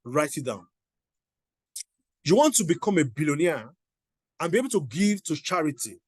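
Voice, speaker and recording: A man's voice: on the high side, sing-song, normal speed, slightly rough, no echo. A middle-aged man giving a motivational teaching talk, emphatic and repeating his exhortations. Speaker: motivational coach.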